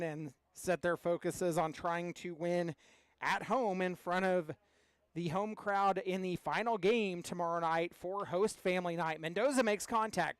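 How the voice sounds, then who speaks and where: A man's voice: sits high, smooth, no room sound. A man giving live play-by-play commentary as a baseball announcer.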